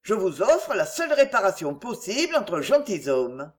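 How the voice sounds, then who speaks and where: A proud young French viscount, slight and hot-headed, acted out by a woman. He speaks stiffly and formally, his pitch dropping low with indignation. It is an audiobook reading. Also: very animated, normal speed, close to an everyday voice. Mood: indignant.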